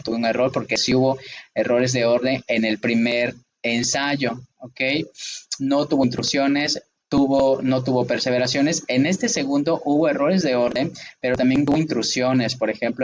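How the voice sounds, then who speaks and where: Male instructor, patient explainer, mid pitch, faint noise and clicks behind. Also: fairly even intonation, normal speed, lo-fi sound. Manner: patient, repeats checks with listeners. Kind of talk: explaining a test procedure.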